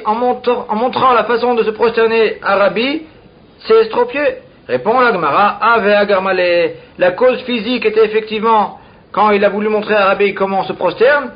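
A man reading Talmud passages in Aramaic and translating them aloud as a teacher. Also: sits high. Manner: reads Aramaic phrases then translates them. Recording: dull lo-fi recording.

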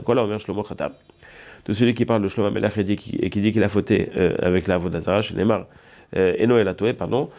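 A man's voice: low voice, creaky, a little mellow. A man giving a Talmud study lesson. He reads Hebrew and Aramaic passages, then explains them in French, hesitating often as he thinks. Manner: thinks aloud with frequent hesitations. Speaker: Talmud teacher.

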